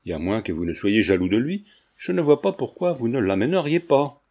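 A man voicing a sharp-tongued proud countess. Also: mid-range voice, very animated, a little fast. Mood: demanding. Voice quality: curt, demanding.

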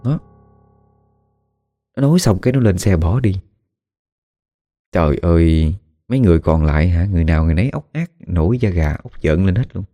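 Guy telling a ghost story, real low dark voice, chatty with lots of exclamations. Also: animated, quick pace, faint music behind. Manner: colloquial, with dramatic exclamations. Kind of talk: spoken ghost story narration.

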